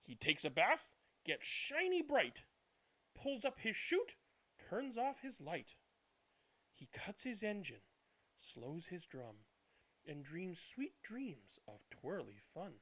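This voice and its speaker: A man narrating a children's bedtime storybook in an expressive, deliberate way. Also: high voice. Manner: animated, deliberate reading with hushed good nights. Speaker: read-aloud channel host.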